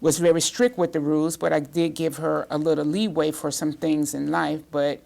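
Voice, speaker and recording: Female guest, fifties, from the Bahamas, low voice with a gravelly edge, plain-spoken. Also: level tone, normal speed, warm tone. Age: 50s. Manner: earnest, plain-spoken storytelling. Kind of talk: talk show interview. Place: studio.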